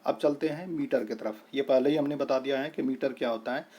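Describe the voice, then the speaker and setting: A man teaching a lesson, explaining terms step by step, splitting words slowly and often checking that the listener follows. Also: mid-range voice, mellow. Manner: repeats "thik hai" to check understanding. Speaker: English tutor.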